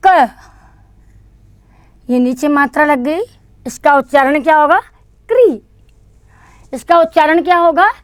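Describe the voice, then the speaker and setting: High-pitched lady teacher going slow, says each sound twice for the kids, dry close sound. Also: fairly even intonation. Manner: slow, patient, repeats each sound for children to echo. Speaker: kindergarten teacher. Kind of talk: online lesson teaching Hindi vowel signs.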